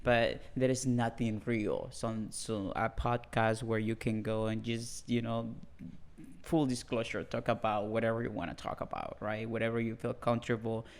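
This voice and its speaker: Male podcast co-host with a gravelly, resonant voice; earnest and halting. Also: on the low side, steady tone. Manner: earnest, halting, with repeated restarts. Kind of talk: casual podcast conversation.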